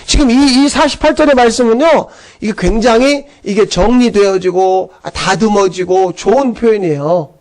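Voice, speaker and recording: Man, pastor, sermon, very high-pitched voice, animated storytelling with acted outbursts. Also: normal speed, hardly any pauses.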